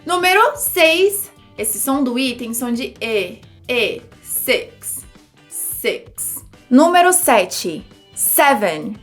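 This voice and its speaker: A young woman teaching English numbers, explaining in a lively way and repeating example words. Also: high-pitched, takes it slowly, faint music behind. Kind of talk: language lesson for Portuguese speakers.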